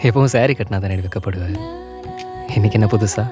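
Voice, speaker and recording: A soft-spoken young husband, played by an actor in a short romantic film, with a lowish voice. He talks gently and apologetically. Loud music plays under his lines. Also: a little fast, lightly acted. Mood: tender.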